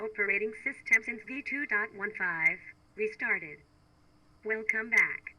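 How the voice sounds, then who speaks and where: A robot girl whose operating system is booting up. The voice is slow, sharp and bright, reading each status line in a flat, clipped machine manner, like a video game computer restarting. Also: mid-range voice, exaggerated voice, poor audio. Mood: booting robotic.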